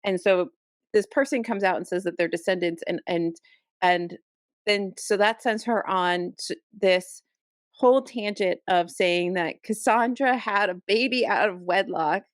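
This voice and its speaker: A woman's voice: mid-range voice, a little slow, no echo. Ranting woman on a close podcast mic. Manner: animated, exasperated ranting with many restarts. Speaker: podcast co-host. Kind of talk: casual chat.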